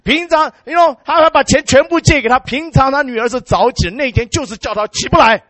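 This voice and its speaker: A man preaching and telling a story in a sermon. He is animated, drops English words into his speech and exclaims hallelujah and amen. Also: very high-pitched, a little fast, no room sound.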